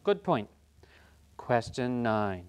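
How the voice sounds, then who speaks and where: A performer playing an upbeat quiz show host who briskly announces questions and scores in a scripted game show parody. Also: mid-range voice, sing-song, clean tone.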